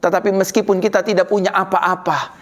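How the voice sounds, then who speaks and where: A woman pastor preaching a sermon dramatically, swinging between loud and quiet passages. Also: medium pitch, little pitch movement, a little fast, a little hiss or hum.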